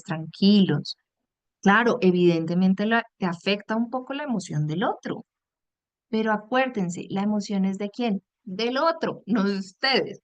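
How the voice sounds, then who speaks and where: A woman's voice: mid-range voice, no echo, highs cut off. Affectionate woman teaching a webinar. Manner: affectionate, acts out example phrases, calls listeners "mis amores". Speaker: psychologist and coach giving a webinar.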